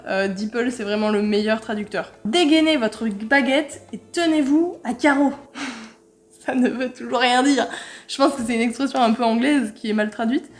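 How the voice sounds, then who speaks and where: A woman vlogger chatting casually and jokingly as she takes an online quiz, laughing often and reading English words aloud with a loose accent. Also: fairly high pitch. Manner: playful, jokey, laughs often. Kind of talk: casual commentary while taking an online quiz.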